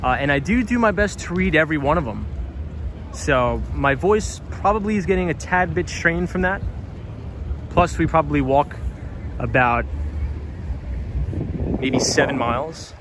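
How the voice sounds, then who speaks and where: Reading out viewer comments as he walks, a man livestreams from a windy city street at night in a casual, friendly chat. His slightly high, fairly bright voice is expressive and unhurried, pausing often, and sounds a little tired. Clear music plays behind the street stream.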